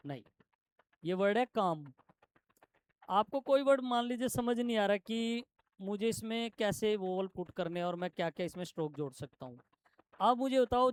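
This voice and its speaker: A man teaching shorthand to a classroom, explaining step by step and quizzing his students with quick questions. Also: high voice, smooth. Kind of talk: classroom lesson.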